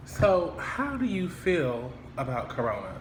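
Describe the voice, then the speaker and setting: A man's voice: on the high side, huge pitch swings, measured pace, a little hiss or hum. Joking man hosting a casual chat. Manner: joking, laughs often. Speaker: host. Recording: echoey room, faint ambience.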